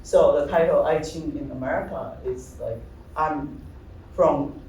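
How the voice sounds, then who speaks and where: Slow-talking man in an echoey gallery. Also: fairly high pitch, a little mellow, distant mic. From Taiwan. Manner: halting, searching for words, many fillers and restarts. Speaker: visual artist giving a talk. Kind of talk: artist talk presenting slides. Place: large gallery hall. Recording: echoey hall, speaker off-mic, faint room noise.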